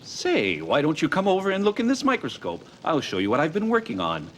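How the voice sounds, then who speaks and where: A man voicing a gruff, reclusive doctor and researcher in a cartoon, curt and grumpy in manner. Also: on the high side, huge pitch swings, a little fast, slight background noise. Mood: guarded. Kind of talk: dubbed cartoon acting. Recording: music behind the voice.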